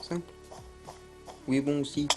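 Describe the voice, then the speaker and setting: A man's voice: on the high side, fairly even intonation, a little slow, loud music behind the voice. Hesitant young man narrating gameplay. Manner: hesitant, many fillers. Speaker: gaming YouTuber. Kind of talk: casual gameplay commentary.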